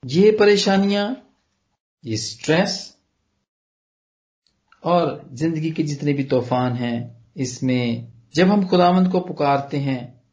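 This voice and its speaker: A male pastor preaches a sermon with earnest conviction, his slightly high voice swinging between loud and hushed as he addresses his listeners as dear ones. He pauses often, and the recording's highs are cut off.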